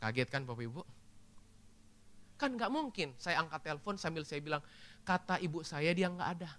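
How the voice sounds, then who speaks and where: A man's voice: fairly high pitch, normal speed. A male preacher telling a story in a sermon, acting out the dialogue and often turning to address the congregation. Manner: animated, acts out dialogue, keeps addressing the congregation. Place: church function hall.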